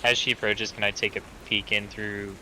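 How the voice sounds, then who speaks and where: A man's voice: lowish voice, little pitch movement, a little fast, pushed and bright, a little hiss or hum, rough recording. A man playing a tabletop game, cautious and a little hesitant as he speaks. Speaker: player. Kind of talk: casual tabletop play.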